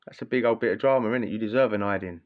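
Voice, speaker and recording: In slightly dull lo-fi audio, a vlogger with a lowish voice races through a casual story. His telling is slangy and rambling, and he often repeats himself.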